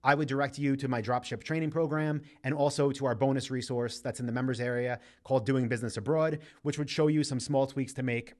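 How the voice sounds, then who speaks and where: A man hosting a live stream, reading viewer questions aloud and answering them in a relaxed, conversational way. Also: mid-range voice, brisk, hardly any pauses.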